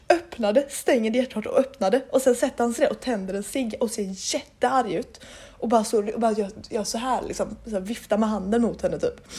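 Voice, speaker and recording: A woman from Sweden chatting on a casual podcast. Her voice is fairly high and husky. She tells stories in a rambling way, full of fillers and restarts. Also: dark tone. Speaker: podcast co-host. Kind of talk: casual chat. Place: living in Paris.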